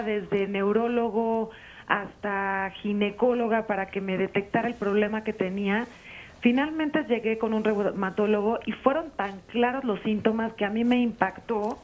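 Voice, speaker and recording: A woman's voice: on the high side, a little mellow. A woman, calling in over the phone to a live radio show and earnestly telling her story at length. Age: 40s. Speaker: caller. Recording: dull lo-fi phone line.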